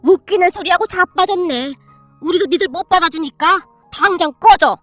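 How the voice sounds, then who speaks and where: A woman's voice: extremely high pitch, normal speed, no room sound, faint music behind. A woman voicing a meek middle-aged mother-in-law, eager and trying hard to sound tough.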